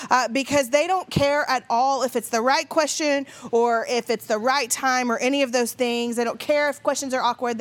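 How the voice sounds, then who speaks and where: A woman's voice: high voice, a bit bright. A middle-aged woman pastor preaching in a conversational storytelling way, with many fillers. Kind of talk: sermon.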